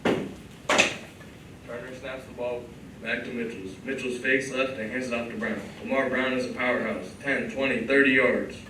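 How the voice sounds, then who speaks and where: A man's voice: medium pitch, fairly even intonation, a little slow, background noise, lightly acted. A man playing a football play-by-play announcer in a stage drama. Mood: eager commentary. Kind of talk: sports commentary in a stage play. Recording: echoey hall, distant, loud music.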